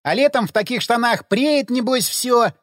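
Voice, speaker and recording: A man's voice: very high voice, moderate pace, no echo, clean studio sound, voice pushed up. A man voicing a cheeky, joking young traveller in an audiobook. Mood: excited. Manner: teasing, lively.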